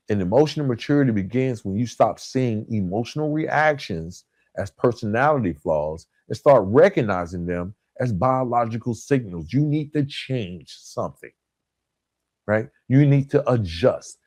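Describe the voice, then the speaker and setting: A podcast host delivers a motivational coaching monologue, repeating key points for emphasis and often checking in with "right?" and "guys." His voice is medium-pitched and a little mellow, recorded dry with studio quality.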